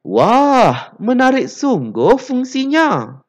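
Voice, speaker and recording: A teacher reading the part of an eager reporter in a textbook dialogue, in a bright, exclamatory delivery. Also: medium pitch, huge pitch swings, very slow, voice pushed up, heavily acted. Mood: enthusiastic. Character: eager reporter praising an inventor.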